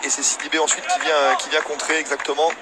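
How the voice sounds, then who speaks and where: A man's voice: a little high, level tone, fast talker. A man analysing football replays live, explaining and repeating his points for emphasis. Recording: loud stadium crowd noise behind. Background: football crowd.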